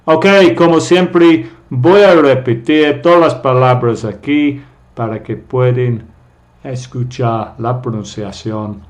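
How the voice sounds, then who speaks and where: A man teaching English vocabulary to Spanish speakers, saying each English word slowly and then giving its Spanish meaning. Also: medium pitch.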